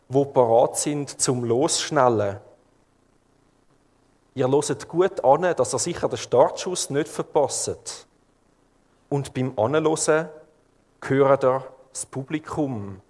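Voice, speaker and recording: A male preacher with a Swiss German accent delivers his sermon at an unhurried pace, calm and measured. He paints scenes vividly for his congregation. His voice rings out with the long reverb of a church hall. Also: mid-range voice.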